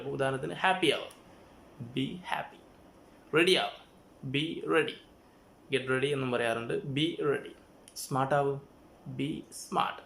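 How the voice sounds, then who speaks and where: A man's voice: fairly high pitch, creaky, fairly bright tone, reverberant, slight background noise. Malayali man drilling English commands. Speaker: English teacher. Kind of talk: spoken English lesson.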